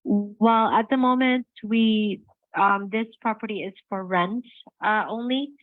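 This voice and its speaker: A woman's voice: medium pitch, steady tone, takes it slowly, dry recording. Lady receptionist heard over a landline phone, polite, lots of ums, dry tinny line. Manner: polite, hesitant with many fillers. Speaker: real estate office receptionist. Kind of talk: business phone call.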